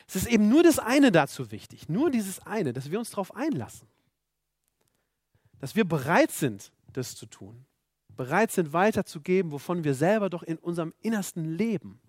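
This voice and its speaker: A man's voice: sits high, no room sound, clean studio sound. A man preaching a sermon, earnest and emphatic, repeating rhetorical questions to his listeners.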